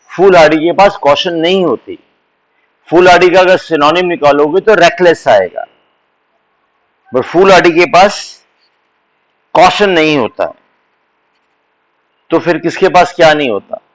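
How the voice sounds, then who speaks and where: A male tutor explaining vocabulary in a live online exam-prep class, switching freely between Hindi and English. His voice sits a little high, and he talks slowly and deliberately, often calling his students beta. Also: low-quality recording. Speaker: teacher.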